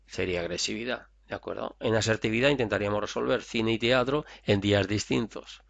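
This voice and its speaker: Gravelly-voiced man teaching. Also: on the low side, a little fast, fairly bright tone, dry recording, dull audio. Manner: conversational, acts out little example dialogues. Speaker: therapy course instructor. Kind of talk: recorded lecture over slides.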